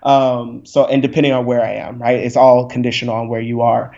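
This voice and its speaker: In a candid podcast conversation, a young guest speaks with a gravelly, darkish, mid-range voice, fairly quick but flat in delivery. He's passionate, blunt and swears, peppering his speech with "like" and "right?", all on a slightly muffled recording.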